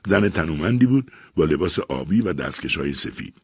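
A man narrates a literary story in a measured, expressive reading voice. His voice is deep and husky, with lively intonation, recorded close and dry. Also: dry recording. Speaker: audiobook reader.

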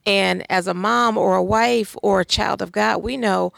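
A woman talks with emphatic, pointed conviction, pressing her points through rhetorical questions. Her voice is strongly gravelly and full of fry. The sound is close and dry, with no room around it. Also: medium pitch, steady tone, measured pace, no echo. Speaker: guest speaker. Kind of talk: conversational talk on faith and society.

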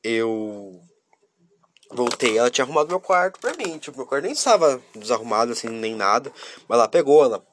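A young man talking casually and openly to his viewers. He shifts between loud, lively bursts and quiet, subdued stretches. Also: medium pitch, a little fast, a little hiss or hum. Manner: chatty, talks straight to viewers, often breaks off and restarts. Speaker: vlogger. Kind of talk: casual confessional monologue.

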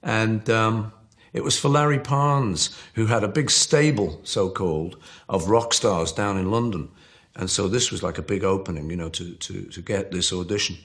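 A man, a musician looking back on his early band days in an easygoing, reminiscing interview manner. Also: moderate pace. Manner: low, relaxed reminiscing with fillers. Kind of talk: recalled interview.

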